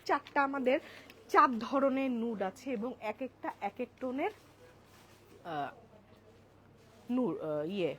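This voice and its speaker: A woman's voice: high-pitched, a little hiss or hum. A woman hosting a live-stream sale in a crowded store, showing products and talking to viewers. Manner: chatty, addresses viewers as apu; switches between soft and loud talk. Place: crowded store outlet indoors. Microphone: clip-on mic. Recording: crowded shop, busy background. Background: shoppers chattering.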